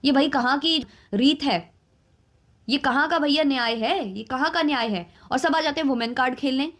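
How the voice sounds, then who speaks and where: A woman's voice: sits high, moderate pace, fairly bright tone. A woman hosting a commentary channel, talking in a scolding, sarcastic way with many rhetorical questions. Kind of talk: opinionated reaction commentary.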